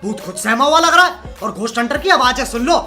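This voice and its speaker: A man's voice: very high-pitched, expressive, fast talker, bright, forceful tone, faint music behind. A young man hosting a reaction video with comedic roast commentary, sarcastic and mocking, full of crude jokes.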